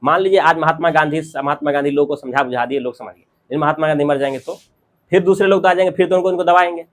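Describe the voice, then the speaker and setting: A man with a somewhat high voice lectures to his students. He speaks English with an Indian accent. He reads each English line slowly and then explains it in Hindi with examples from daily life. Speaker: teacher.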